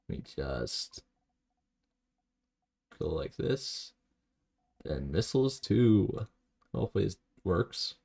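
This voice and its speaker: Playing a game live, a deep-voiced, gravelly man talks slowly and a little mellowly, drifting through casual, rambling self-talk. Between moves he reads out messages from his viewers.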